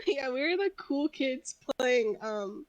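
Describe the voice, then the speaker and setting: High-voiced woman telling stories, laughing. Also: no room sound, low-quality recording. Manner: laughs often, chatty storytelling. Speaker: podcast co-host. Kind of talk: casual chat.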